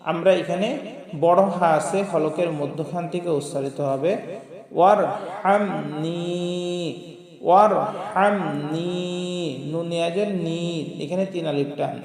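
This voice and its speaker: A man teaching prayer recitation, chanting words in a drawn-out melody and explaining how to pronounce them. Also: a little high, crowd noise. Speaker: religious teacher. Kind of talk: recitation lesson. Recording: echoey hall with faint music.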